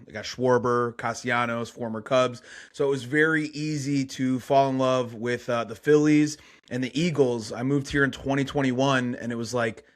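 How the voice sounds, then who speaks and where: Young man from Chicago, podcast guest, easygoing, rambling with fillers. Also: mid-range voice. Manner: laid-back, rambling with many fillers. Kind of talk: casual podcast interview.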